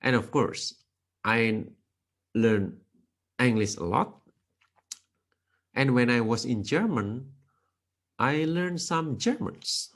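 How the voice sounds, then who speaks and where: A man with an Indonesian accent teaches programming like a lecturer, speaking careful non-native English with occasional grammar slips. He goes slowly, yet his intonation is lively, with sudden jumps in pitch.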